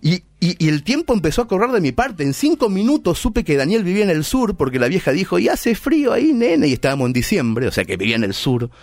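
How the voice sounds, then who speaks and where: A man's voice: a little high, big pitch swings, quick pace, hardly any pauses, no room sound. A middle-aged man with an Argentine accent telling a story in a playful, conversational way. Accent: Argentine Spanish. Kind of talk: storytelling monologue.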